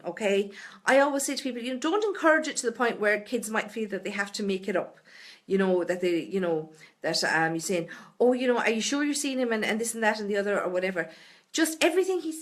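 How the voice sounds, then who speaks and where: On a live stream captured by webcam or phone, a middle-aged Irish woman with a Tipperary accent answers viewers' questions in a chatty, reassuring way, sprinkling in "you know" and "okay?". Her voice is fairly high and a bit bright.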